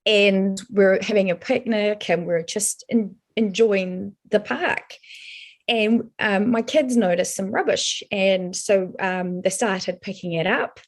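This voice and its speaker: A middle-aged woman with a broad New Zealand accent, telling her story conversationally in an earnest, halting, emphatic way. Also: medium pitch. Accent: broad New Zealand (Kiwi). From born in Colombia, raised in New Zealand from age seven. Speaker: podcast guest, advertising professional.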